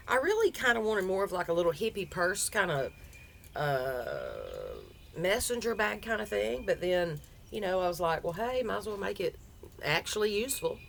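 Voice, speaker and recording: A woman with a Southern US accent and a folksy drawl, chatting casually as a crochet vlogger. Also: lowish voice. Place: outdoors on a front porch. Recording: outdoor background noise.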